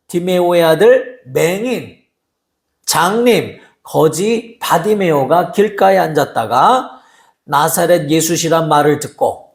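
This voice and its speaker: A male pastor preaching a sermon in a high, soft-spoken voice. He tells the story with animation, acting out the people's voices as he goes. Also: roomy sound. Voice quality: soft-spoken, by his own account.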